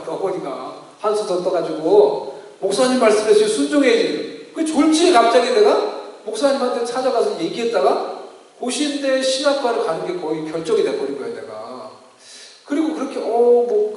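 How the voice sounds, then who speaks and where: A middle-aged male pastor telling a personal story in a sermon, lively storytelling that acts out the voices of others. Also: high-pitched. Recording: echoey hall, distant mic.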